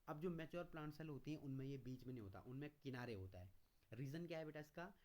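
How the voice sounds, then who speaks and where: A man's voice: a little high, a little mellow. Man teaching, asking and answering himself. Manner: asks questions and answers them himself, calls students beta; mixes Hindi explanation with read-out English notes, slower on English. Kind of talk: classroom lecture.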